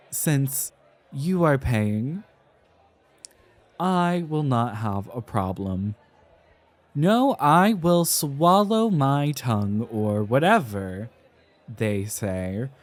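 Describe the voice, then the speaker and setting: In an ASMR roleplay, a man acts out a one-sided conversation as a tipsy, flustered young scholar, dramatic and affectionately defensive, grudging and resigned in mood. His medium-pitched voice is expressive, carefully enunciated, and marked by halting, theatrical flourishes.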